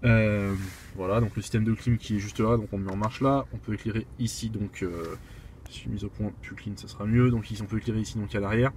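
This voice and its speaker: A man's voice: lowish voice, steady tone, fast, a little mellow, slight background noise. A young man showing a car's cabin in a casual walkthrough, filling his talk with "euh" and restarts, filmed on a phone inside the car. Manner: chatty, heavy with fillers and restarts. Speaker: car reviewer. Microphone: phone camera.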